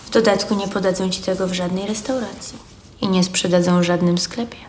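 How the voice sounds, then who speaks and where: An actress in her thirties playing a calm, deliberate, quietly menacing wife in a film drama. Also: mid-range voice, natural voice. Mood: coolly menacing. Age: 30s. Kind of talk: understated film acting. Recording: echoey room, faint noise.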